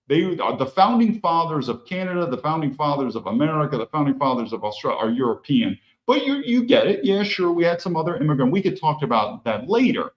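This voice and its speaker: A man hosting his own political show, delivering an emphatic, opinionated monologue full of rhetorical questions. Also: on the high side. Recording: echoey room, dull lo-fi sound.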